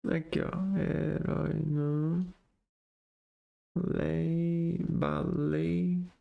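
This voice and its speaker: Slow, gravelly man tutoring. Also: on the high side, flat delivery, narrow, tinny audio. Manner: slow, thinking aloud, reading words one by one. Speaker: exam tutor. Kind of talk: working through exercises aloud.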